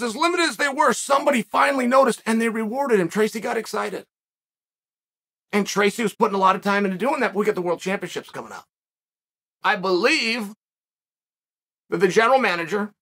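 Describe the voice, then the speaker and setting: A man's voice: high voice, sharp tone, breathy edge. A man hosting his own show, giving emphatic, ranting opinion commentary and repeating phrases for effect. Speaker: podcast host.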